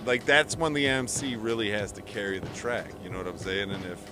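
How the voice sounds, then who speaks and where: A rambling, profane low-voiced man. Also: lively intonation, brisk, over music. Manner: profane, rambling, stumbling restarts. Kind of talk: casual chat at a listening party.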